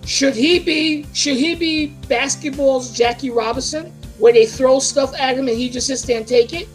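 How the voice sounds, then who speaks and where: A man's voice: extremely high pitch, moderate pace, soft background music. A man moderating a sports talk panel who challenges the others with pointed, probing questions. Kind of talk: heated panel debate.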